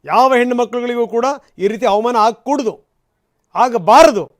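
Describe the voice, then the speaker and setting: A man's voice: extremely high pitch, normal speed. A man giving impassioned, indignant news commentary as an anchor, full of rhetorical questions and emphatic repetition.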